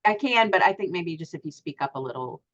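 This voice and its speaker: A middle-aged woman hosting an online class over a group voice call, speaking haltingly with many ums and uhs. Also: fairly low pitch, expressive, fairly bright tone. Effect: heard over an online group voice call. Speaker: class host. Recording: dull lo-fi call audio.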